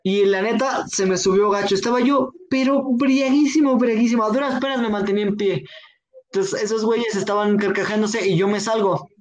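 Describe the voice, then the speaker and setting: A Mexican man with a fairly high voice tells a story in easy, slangy chat. He acts out the lines of the people in it as he goes. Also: fairly even intonation, a little fast. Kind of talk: casual chat, telling a drinking anecdote.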